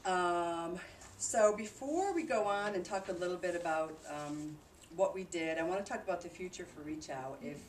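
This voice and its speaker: Her fairly low voice flows at normal speed with few pauses as she casually walks a group through her charity trip. It's recorded from afar in an echoey, noisy room.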